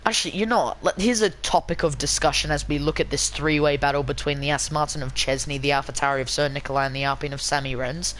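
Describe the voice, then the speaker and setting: A man's voice: a little high, fairly even intonation, quick pace, few pauses, a bit bright, a little hiss or hum. Rambling man calling a race. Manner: rambling, self-mocking, lots of fillers and restarts. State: tired late at night. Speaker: race commentator. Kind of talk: live sim racing commentary.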